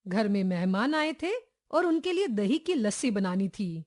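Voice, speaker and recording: Woman reading a kids' textbook story, lots of pitch swings, acts out the lines. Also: measured pace. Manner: expressive, acts out each character's lines. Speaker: textbook chapter reader. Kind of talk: storytelling read-aloud for children.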